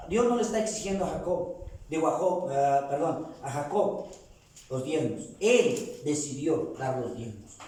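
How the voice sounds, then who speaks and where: A pastor preaches a sermon in a fairly high voice, firing questions at his congregation and calling for amens. The sound is heavily echoey, and his voice comes from a distance in a church hall. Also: a little mellow. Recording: echoey room, mic far off.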